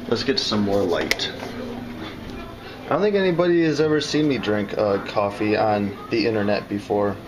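A man's voice: on the low side, noisy background. A young man in a casual home vlog, chatting playfully and giggling with fillers, recorded indoors at a house on a handheld camera. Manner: playful, giggly, jokey with long pauses and fillers. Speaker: vlogger.

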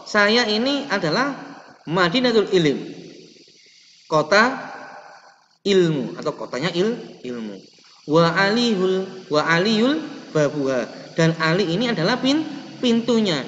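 A fairly high-voiced young man gives an online lesson, reading his slides and explaining them with restarts along the way. His voice carries a long reverb in a roomy space. The webcam audio sounds dull and lo-fi. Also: a bit bright, slight background noise. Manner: reads slides aloud and adds explanation, with restarts and stretched words. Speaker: teacher.

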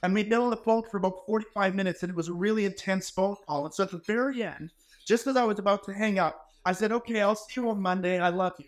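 With a high voice and a quick pace, a keynote speaker in his forties tells stories emphatically yet conversationally. He speaks into a handheld mic in an ornate wood-paneled hall, giving a motivational talk.

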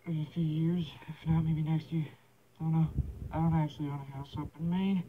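A man's voice: fairly high pitch, level tone, fairly quick. A young man vlogging through a gas mask, rambling and swearing in an offhand way. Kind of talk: casual rambling vlog talk. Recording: dull lo-fi with faint hiss.

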